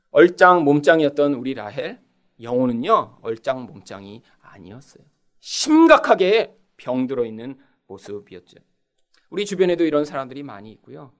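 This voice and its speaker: Animated high-voiced preaching man. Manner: animated, acts out quoted voices, addresses congregation often. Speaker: pastor. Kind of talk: sermon.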